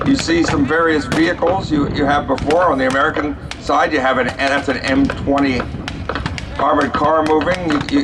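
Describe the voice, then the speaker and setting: A man giving live explanatory commentary as a reenactment announcer, a bit halting and repeating words. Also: fairly high pitch. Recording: distant PA with loud outdoor noise.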